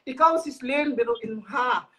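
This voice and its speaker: Bright high-voiced woman telling a story. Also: measured pace. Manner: animated storytelling, laughs often, many hesitations. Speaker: guest on a live talk show. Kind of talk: casual live-stream chat.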